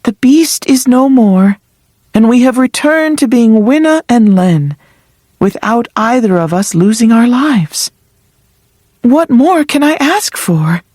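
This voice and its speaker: A woman voicing a calm ancient female spirit who speaks in a measured, formal way. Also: a little high, no echo, studio quality. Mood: solemn.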